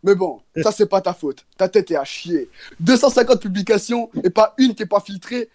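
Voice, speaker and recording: A man's voice: sits high, lively intonation, moderate pace, darkish tone, no echo. A young man rapping a mocking clash verse as a battle contestant. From Belgium. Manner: mocking, storytelling delivery.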